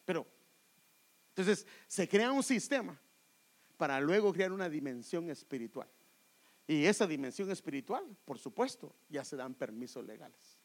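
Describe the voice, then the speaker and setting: A man's voice: on the high side, sing-song, moderate pace. A man preaching a sermon, acting out voices and calling listeners brother. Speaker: pastor.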